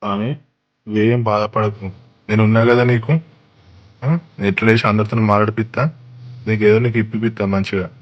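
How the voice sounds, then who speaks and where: A man's voice: on the low side, level tone, lo-fi sound, close to an everyday voice. A man with a Telangana accent playing a firm village helper who reassures and takes charge in a village comedy-drama. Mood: reassuring. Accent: Telangana Telugu. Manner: brisk, reassuring, commanding. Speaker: helpful villager.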